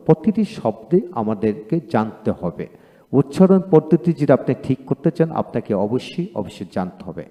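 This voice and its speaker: Man drilling words twice each, slowly. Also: mid-range voice, long reverb tail, lo-fi sound. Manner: repeats each word twice, slow and deliberate. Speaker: English pronunciation teacher. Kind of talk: drilling words aloud, then explaining.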